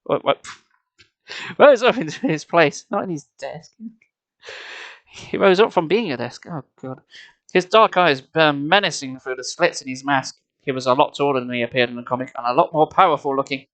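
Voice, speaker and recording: Reading a children's story aloud with plenty of expression, a storyteller who also live streams tosses in casual, sardonic, teasing comments. The delivery is medium in pitch, somewhat bright, and at a normal pace.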